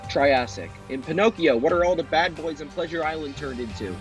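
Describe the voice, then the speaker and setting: A man hosts a quiz show, speaking straight to the contestants in a presenter's style. His voice is fairly high and he talks fairly quickly, with music playing behind him.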